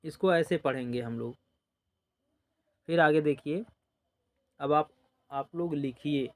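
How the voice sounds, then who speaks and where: Guy teaching place values real slow, fairly high voice, keeps repeating stuff. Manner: explains patiently, repeats numbers, drawn-out counting; says "dekhiye" and "ok" often. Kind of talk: slow step-by-step classroom teaching.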